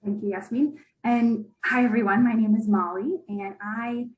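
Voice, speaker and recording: A woman graduate student opens her webinar segment in a brisk, bright way. She sounds a little distant from her microphone on a video call. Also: a little high, fairly even intonation. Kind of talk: webinar introduction.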